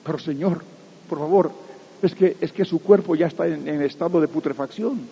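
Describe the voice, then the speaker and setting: A man's voice: fairly high pitch, moderate pace, gravelly, husky. A man preaching who voices Martha as a grieving, pleading woman. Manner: hesitant, pleading. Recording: echoey hall, dull lo-fi sound.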